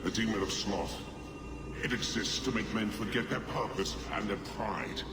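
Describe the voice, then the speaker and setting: A man's voice: lowish voice, normal speed, lightly acted. A man playing a grave, wary guide in a video game, giving solemn, declarative warnings. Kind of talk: video game character acting. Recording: echoey, distant, loud music behind.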